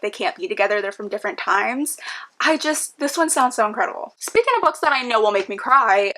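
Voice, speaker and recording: A woman's voice: fairly high pitch, pushed and bright. A young woman chatting casually to camera about books she wants to read, gushing and full of "like" fillers. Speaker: book vlogger. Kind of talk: casual book chat to camera. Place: home room with book cart.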